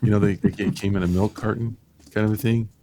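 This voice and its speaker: A middle-aged man co-hosting a podcast, telling stories in a lively, casual way and laughing at his own tales. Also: lowish voice, a little fast, a little hiss or hum. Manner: animated storyteller, laughs at own tales, many restarts. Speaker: podcast co-host. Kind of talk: casual storytelling chat.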